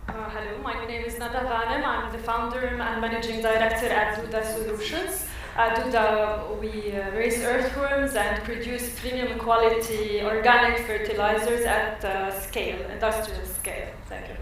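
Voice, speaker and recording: A woman's voice: a little high, little pitch movement, moderate pace, hardly any pauses, fairly bright tone, a little hiss or hum. A woman introducing herself as a company founder, a little hesitant. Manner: hesitant, with fillers. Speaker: panelist, founder. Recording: echoey, distant room mic.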